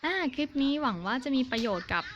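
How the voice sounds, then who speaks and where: A woman giving a pronunciation lesson, speaking clearly and carefully and repeating each example word twice. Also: fairly high pitch, expressive, fast talker, highs cut off, a little hiss or hum. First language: Thai. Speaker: language teacher. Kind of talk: slow, patient pronunciation lesson.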